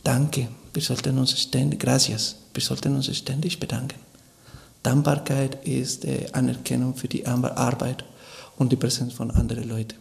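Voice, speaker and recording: Man, Spanish speaker, gravelly voice, halting radio interview guest. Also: mid-range voice, flat delivery. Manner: hesitant, searching for words with restarts. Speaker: guest, Spanish course teacher.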